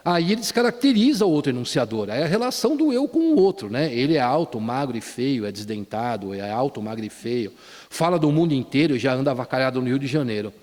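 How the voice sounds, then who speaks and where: Man, academic lecture, animated pitch, long hall reverb, frequent restarts. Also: fast. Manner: frequent tag questions and restarts, quotes lyrics. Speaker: conference speaker. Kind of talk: academic lecture on popular song.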